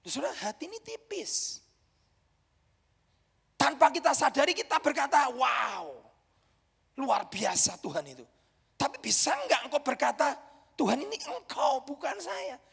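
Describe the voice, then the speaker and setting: A man with an Indonesian accent preaching a sermon, emphatic and dramatic, with sudden loud peaks. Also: very high-pitched, sing-song, moderate pace, vocal fry. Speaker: pastor. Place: church hall. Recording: reverberant church hall.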